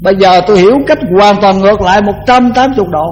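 An older man, a Buddhist monk, giving a conversational dharma talk that often repeats words and slows down to chant verses. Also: high-pitched, faint music behind, low-quality recording.

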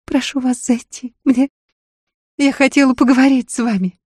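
A man's voice: very high voice, steady tone, moderate pace, darkish tone, breathy edge, no echo, clean studio sound, pitched above the performer's own voice. A man voicing a capricious, hysterical young noblewoman with a Polish accent in an audiobook. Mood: pleading shrill. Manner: shrieking, frantic, capricious.

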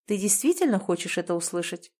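A woman voicing a cold, manipulative older sister who speaks calmly and condescendingly. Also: fairly low pitch, quick pace, slightly rough. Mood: icy. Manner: calm, icy, condescending.

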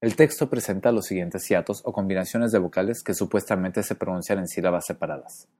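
A man teaching pronunciation in a clear, methodical way, slowing down to demonstrate sounds. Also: low-pitched, darkish tone. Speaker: Spanish phonetics teacher. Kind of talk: explanatory lesson narration.

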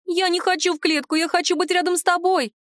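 A woman's voice: extremely high pitch, level tone, fast talker, a bit bright, no room sound, clean studio sound, pitched above the performer's own voice. Woman putting on a whiny little house spirit. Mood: pleading. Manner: whiny, pleading. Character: tearful clingy female house spirit.

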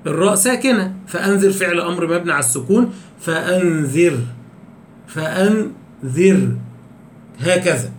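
High-voiced Egyptian man teaching tajweed. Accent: Egyptian Arabic. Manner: explains rules with repeated questions, slows down to recite examples. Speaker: Quran recitation teacher. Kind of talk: tajweed lecture. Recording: echoey room with faint background noise.

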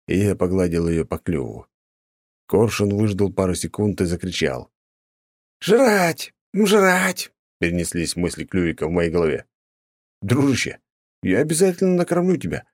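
A man narrating a first-person audiobook in a steady, measured reading. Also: low-pitched, dry recording, studio quality.

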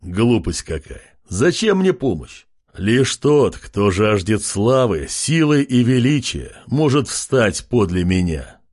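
A man's voice: lowish voice, big pitch swings, takes it slowly, darkish tone, heavily acted. A man playing a pompous tentacled king. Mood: haughty. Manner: pompous, menacing.

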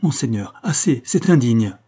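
A man's voice: mid-range voice, animated, normal speed, mellow, breathy edge. A man reading an audiobook, voicing a pure, indignant young noble woman in a raised, fervent voice. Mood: shocked. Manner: pleading then fiercely indignant.

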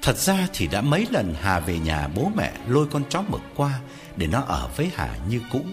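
A man tells a spooky tale with a very lively, swooping delivery, his pitch rising and falling as he builds the drama. Faint music sits under his voice. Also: moderate pace. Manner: expressive storyteller. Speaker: narrator. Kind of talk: dramatic horror story narration.

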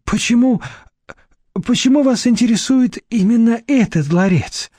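A man's voice: sits high, sing-song, a little slow, darkish tone, no echo, voice pushed up, exaggerated voice. A man voicing an aging, cowardly museum deputy director who pleads in a trembling, servile way. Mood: pleading.

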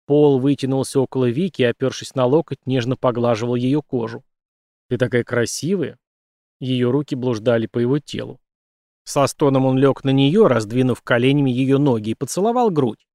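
A man narrating an audiobook in a steady, even reading voice. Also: medium pitch, a little fast, dry recording, clean studio sound. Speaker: audiobook reader. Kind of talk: scripted narration.

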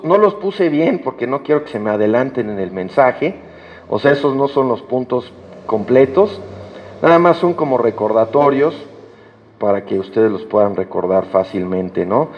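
A man preaching a sermon to a congregation, earnest and emphatic, rising in pitch to stress his points. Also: moderate pace. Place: church hall. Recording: dull sound with long hall reverb.

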